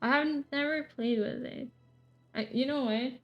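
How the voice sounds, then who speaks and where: A young Swedish woman chats casually while streaming a game, her high voice moving at normal speed over soft background music in a lo-fi recording. She thinks aloud, rambling, hesitating, correcting herself and giggling.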